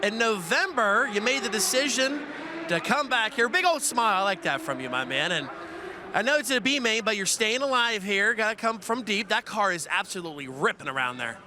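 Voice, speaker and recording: A pit reporter doing trackside interviews in an animated, chummy way. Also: male voice, sits high, a little fast. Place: outdoors at a racetrack.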